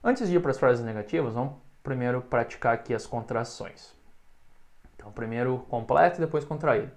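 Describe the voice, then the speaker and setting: A man with a Brazilian Portuguese accent teaching English pronunciation, modelling short words loudly and having the learner repeat after him. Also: medium pitch, expressive. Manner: slow, drawn-out modelling of words, stressed loud examples.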